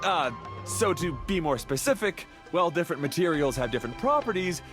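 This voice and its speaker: A man's voice: fairly high pitch, sing-song, brisk. An actor playing an easygoing young man, a technical guide in a video game, casual and explanatory. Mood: reassuring. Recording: music behind the voice.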